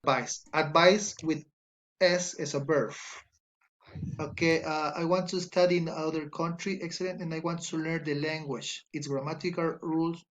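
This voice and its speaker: An Ecuadorian man, a native Spanish speaker with an Ecuadorian accent, speaks in a fairly high, steady, somewhat bright voice over a rough recording. During his online English class he reads students' answers aloud, and with slow patience he corrects spelling and grammar aloud.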